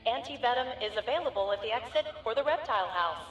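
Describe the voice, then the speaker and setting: A polite theme park announcer booms out from a far-off outdoor loudspeaker. Her fairly high voice is formal and even, and it carries a heavy echo over background music. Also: quick pace. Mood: announcing. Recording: echoey, distant loudspeaker with music.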